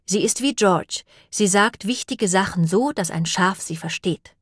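A woman reading an audiobook and voicing a clever, thoughtful female sheep who reasons in a calm, deliberate way. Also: medium pitch, breathy edge, no echo, clean studio sound. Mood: thoughtful reasoning.

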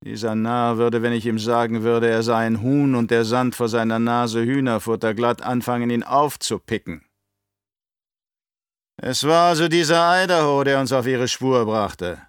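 A man's voice: mid-range voice, fairly even intonation, moderate pace, smooth, no room sound, close to an everyday voice. Man doing a tyrant baron, cruel, scheming, barking questions, sneering, dry audiobook sound. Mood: interrogating. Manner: barks angry questions, sneers in thought. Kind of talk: audiobook reading.

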